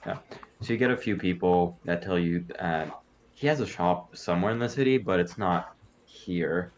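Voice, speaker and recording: A man narrating as game master in a casual, halting way with fillers. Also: low-pitched, a little hiss or hum.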